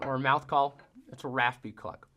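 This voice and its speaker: A man's voice: mid-range voice, fairly even intonation, normal speed, bright, forceful tone, a little hiss or hum. A man giving a casual how-to lesson as a hunting-call instructor, talking in a folksy way. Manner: folksy, mimics sounds with vocal demonstrations.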